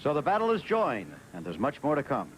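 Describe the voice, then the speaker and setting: An American man works as a lead golf commentator on live television. His delivery is measured and formal, with pauses, at a medium pitch. Clear outdoor broadcast noise with ambient traffic sits behind him. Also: wildly swooping pitch. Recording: noisy outdoor broadcast, vehicle and ambient sound.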